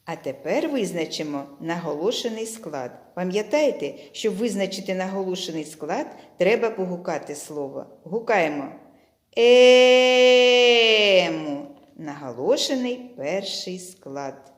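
A woman teaching a literacy lesson to young children, speaking clearly and stretching her words out. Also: on the low side, lively intonation, moderate pace, darkish tone. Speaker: primary school teacher.

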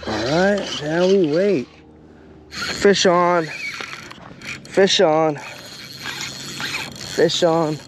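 This man's voice is on the high side, and he speaks extremely slowly with long pauses. In his thirties, he vlogs about his fishing trip from the shore in a laid-back, filler-heavy way, filmed on a hand-held or chest-mounted action camera with faint noise outside.

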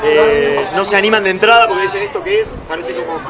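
A man's voice: high voice, fast. A young man with an Argentine accent, explaining his stand to an interviewer at length, a bit rambling. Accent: Argentine Spanish. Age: young adult. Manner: chatty, rambling explanations with fillers. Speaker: interviewee, stand team member. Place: crowded exhibition tent. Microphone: handheld mic held by interviewer. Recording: crowded tent chatter behind.

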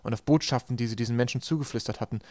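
With a medium, slightly mellow voice, this narrator delivers an audiobook's scripted text quickly. The recording is intimate and dry, with no echo at all.

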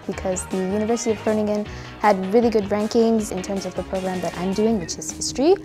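A woman's voice: medium pitch, steady tone, quick pace. A nineteen-year-old woman from Zimbabwe, a student chatting upbeat about her university. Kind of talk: casual interview answers. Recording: background music under the voice.

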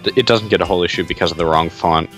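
A young man with a deep, fairly bright voice talks fast, bantering and offering casual commentary as co-host of a track review stream. He's in a room at home on a group video call. Music with guitar plays behind his voice.

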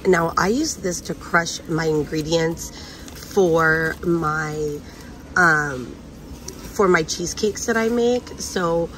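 Walking a discount supermarket aisle, a chatty woman who has a son talks to her handheld phone camera in a shop-with-me style, eagerly pointing out bargains. Her voice sits on the low side, and the low-quality recording picks up store noise behind her.

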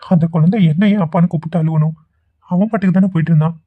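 A man's voice: a little high, steady tone, racing, no room sound, faint music behind, lightly acted. A man voicing a kindly father-in-law. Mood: pitying. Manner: soothing, earnest. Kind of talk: cartoon voice acting. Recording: dry, tinny phone-like audio.

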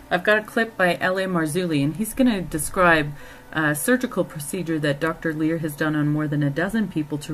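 A woman with a deep voice hosts a scripted commentary show, speaking earnestly and speculatively. The recording is low quality, with a little background noise.

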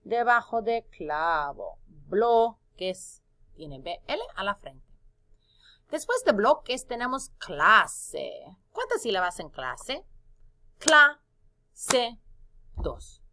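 Slow, lively woman teacher sounding out syllables. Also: mid-range voice. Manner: slow, syllable-by-syllable dictation with frequent questions. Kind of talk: Spanish phonics lesson.

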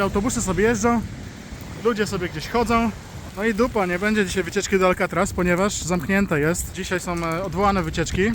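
A man with a cold and sore throat, chatting casually in a travel vlog as he walks the city streets. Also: high-pitched. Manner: chatty, self-deprecating, walking while talking. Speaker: travel vlogger. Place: city streets outdoors, and indoors at a hostel. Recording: noisy street with traffic.

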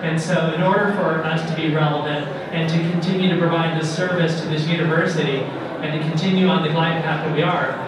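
A man's voice: on the high side, steady tone, fairly quick, distant mic, heavy background noise. A middle-aged man giving a conference keynote speech from a podium, earnest and encouraging as he addresses the audience directly. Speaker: keynote speaker. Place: large conference hall, at a podium. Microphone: podium mic on a stand. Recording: echoey hall, recorded from afar.

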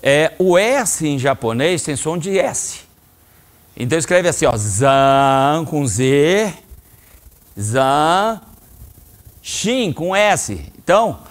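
A middle-aged man with a Brazilian Portuguese accent teaching a children's karate class in a training hall, calling out commands and explaining techniques. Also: fairly high pitch. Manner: lively, coaching commands to children. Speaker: karate instructor.

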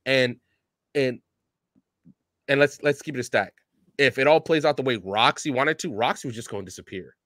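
A man's voice: medium pitch, moderate pace, pauses often, no echo, studio quality. A man co-hosting a casual anime review chat, talking emphatically with many restarts and "like"s. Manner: emphatic and animated, lots of restarts and "like". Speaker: co-host.

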